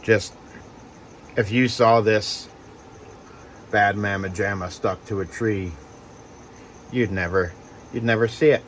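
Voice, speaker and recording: A man who breeds reptiles talks casually in a vlog while handling geckos, with lots of fillers and soft reassurances to the animals. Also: fairly low pitch, steady tone, slow, pauses often, slight background noise. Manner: rambling, filler-heavy, coos softly to the geckos.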